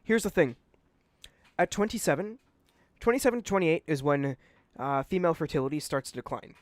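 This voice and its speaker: A man's voice: fairly high pitch, expressive, a little fast, no room sound. A man hosting a casual podcast chat and reading aloud, blunt and swearing a lot. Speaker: podcast host.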